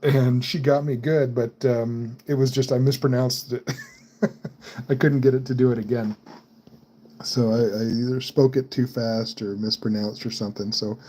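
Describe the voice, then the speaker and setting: A man chats and laughs frequently as he works on computer parts while hosting a computer-building live stream. He speaks at a moderate pace in a dark, mid-range voice with fairly even intonation.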